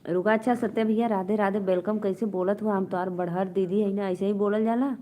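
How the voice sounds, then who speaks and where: A woman's voice: mid-range voice, steady tone, fairly quick, warm tone, a little hiss or hum. A woman with an Awadhi accent hosting a casual live stream from a phone, reading out viewer comments and bantering playfully with them.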